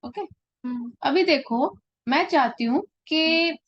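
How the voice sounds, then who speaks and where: High-voiced woman teaching a live drawing class. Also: lively intonation, measured pace, dull audio. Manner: patient, checks understanding often. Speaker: art teacher.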